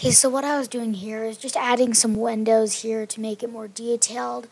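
Gaming voice-over: woman, throaty and gravelly, rambly and apologetic, slightly higher pitch. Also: little pitch movement, brisk, a little mellow, poor audio. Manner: rambling, apologetic, filler-laden. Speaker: gaming channel host. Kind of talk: casual gameplay voice-over.

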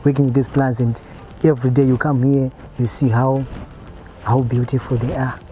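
A man's voice: mid-range voice, flat delivery, moderate pace, dark tone, slight background noise, low-quality recording. A man explaining his garden outdoors, plain and earnest. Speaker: farm worker. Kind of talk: explaining in an interview.

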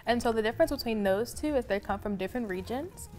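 A young woman with a fairly high, animated, slightly mellow voice talks fast over soft background music. She's co-hosting a cooking demonstration in a studio kitchen, presenting food products in an upbeat, agreeable way with frequent agreeing murmurs.

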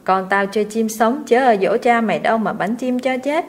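A woman's voice: on the high side, normal speed, natural voice. Woman playing a harsh scolding rich mistress. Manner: scolding, sharp, loud.

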